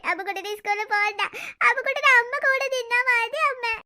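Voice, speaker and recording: A woman's voice: very high-pitched, fast talker, bright, forceful tone, full character voice. A woman voicing a small boy in a cartoon who whines and sobs that he won't go to school. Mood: whining. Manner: whining, sobbing, stubborn. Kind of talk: cartoon voice acting.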